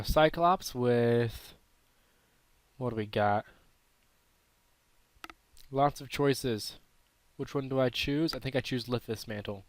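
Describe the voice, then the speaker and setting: A man's voice: mid-range voice, fairly bright tone, dry recording. A man with a throat irritation giving casual, unsure, self-correcting commentary while playing a mobile game. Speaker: gaming channel host.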